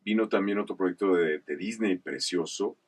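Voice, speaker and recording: A voice actor from Chihuahua in northern Mexico recounts stories from his career in a casual interview, speaking in a measured, explanatory way with animated asides. His voice is deep with a breathy edge, and he sits slightly distant from the mic.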